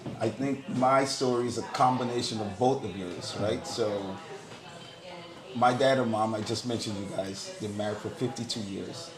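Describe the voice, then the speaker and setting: A middle-aged man from Guyana, speaking on a panel, shares his story candidly in a group discussion and repeats words to stress his points. His mid-range voice has fairly even intonation at a normal speed, in a roomy space with crowd murmur behind him.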